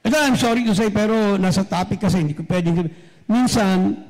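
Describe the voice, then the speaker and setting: A pastor preaches a sermon directly to his congregation, switching between Tagalog and English. His high-pitched voice is a little fast with a darkish tone, and a large hall adds long reverb.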